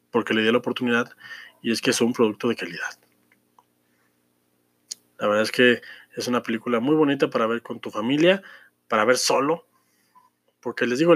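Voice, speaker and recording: A man talks through a film review, eager and chatty, stopping to restart his sentences and filling gaps with "eh". His voice sits at an ordinary middle pitch. The recording is dry and close, with no room sound around him. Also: no room sound. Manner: chatty, enthusiastic, many restarts and fillers. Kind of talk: casual film review monologue.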